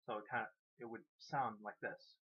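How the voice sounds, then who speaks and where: A man explaining beatboxing step by step in a casual, halting way, often restarting his sentences. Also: on the low side, steady tone, slightly rough, lo-fi sound. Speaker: beatbox tutor. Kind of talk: casual how-to demonstration.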